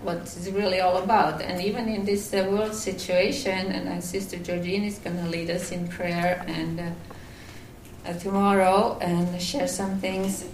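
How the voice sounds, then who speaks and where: Speaking at a retreat, a woman from Finland delivers a devotional talk in a halting way, full of fillers and restarts. Her voice is low, gravelly, and a little mellow, with little pitch movement. The mic sits far from her in an echoey room, picking up faint background noise.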